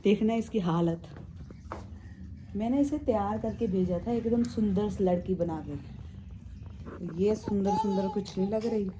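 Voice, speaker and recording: A young woman chatting casually to her phone for a vlog outdoors on a windy rooftop, her voice hoarse from a sore throat and a little short of breath, calling her viewers guys. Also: mid-range voice, measured pace, pauses often. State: short of breath after stairs. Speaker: vlogger. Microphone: phone held by hand.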